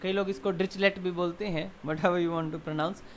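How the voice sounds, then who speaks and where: A male math lecturer giving a classroom lecture in mixed Hindi and English. He explains step by step, keeps asking students quick check questions and answers them himself. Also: high-pitched, fairly even intonation, slight background noise.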